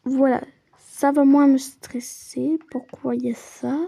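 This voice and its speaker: A woman reads a story game aloud, moving easily between first-person narration and chatty side comments. Her voice is high but very mellow and warm, with no edge to it. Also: little pitch movement, measured pace, vocal fry. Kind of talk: casual playthrough with read-aloud narration.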